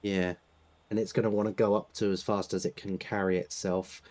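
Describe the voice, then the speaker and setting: A British man chatting casually while playing a driving game, laid-back, laughing often and clearing his throat. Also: on the low side, flat delivery, fairly quick, a little mellow. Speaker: gaming channel host. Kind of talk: casual gameplay chat.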